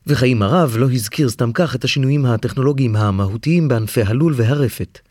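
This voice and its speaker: Male podcast host, measured scripted links, dry close sound. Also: mid-range voice, a little mellow, dry recording. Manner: measured, formal linking narration. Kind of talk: scripted narration.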